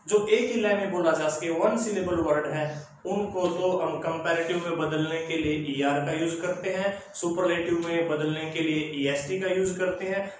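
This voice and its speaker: A man teaches an English grammar lesson, explaining patiently and repeating key words for his students. His voice sits high for a man. The room rings with heavy echo over a faint background hiss.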